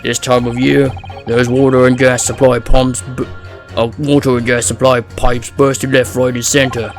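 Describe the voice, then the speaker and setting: A man voicing a gruff, defensive labourer in a video game, blunt and weary in his talk. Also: mid-range voice, flat delivery, normal speed, faint music behind, lightly acted. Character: gruff, hard-up working-class male labourer, defensive family man.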